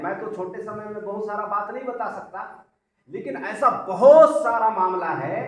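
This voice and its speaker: A man giving a rousing public speech to local people, who poses questions to his audience and answers them himself. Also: high voice. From central India. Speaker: community organizer. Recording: echoey, from far off the mic.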